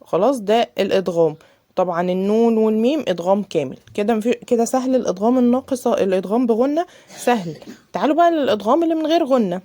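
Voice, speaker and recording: Female tajweed teacher, Egyptian accent, casual explainer, warm mellow tone, slow drawn-out recitations. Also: a little high. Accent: Egyptian Arabic. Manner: explains casually, then drawls examples slowly. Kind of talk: tajweed lesson with recited examples.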